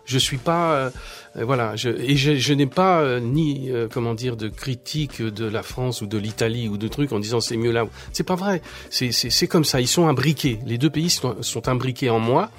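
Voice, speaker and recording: A man's voice: medium pitch, normal speed, soft background music. A man from Italy talking as a guest in a casual interview, often hesitating and repeating his words. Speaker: guest, writer.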